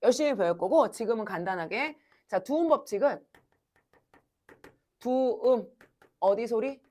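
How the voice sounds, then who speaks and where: A woman teaching a high-school language class, asking students questions and answering them herself in a brisk, coaxing way. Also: a little mellow. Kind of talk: classroom lecture.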